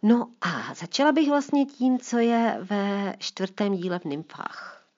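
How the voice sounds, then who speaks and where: In a muffled recording, a woman author with a medium-pitched voice talks about her book and reads passages aloud. Her manner is chatty and explanatory, with lively emphasis, blending storytelling talk with reading.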